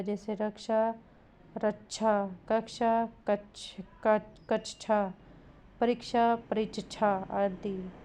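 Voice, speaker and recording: In an exam-prep grammar lesson, a woman teacher drills correct spellings in a deliberate, repetitive way, occasionally speaking straight to her listeners. Her voice is medium-pitched, warm and smooth.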